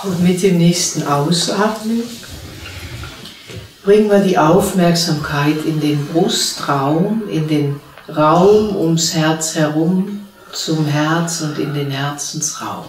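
Female meditation teacher, unhurried and soothing delivery, distant mic, echoey room. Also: low-pitched, a little hiss or hum. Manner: slow, calm spoken instructions with long pauses. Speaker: spiritual teacher leading a meditation. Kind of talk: guided meditation. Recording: roomy sound from a distant mic.

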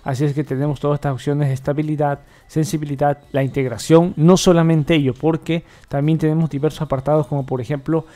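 A man hosting a software tutorial, explaining each step as he clicks through, often repeating set phrases. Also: on the high side, flat delivery, fast talker, hardly any pauses. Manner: repetitive, filler-heavy demo talk. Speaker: tech tutorial host. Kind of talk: screen-recorded software tutorial.

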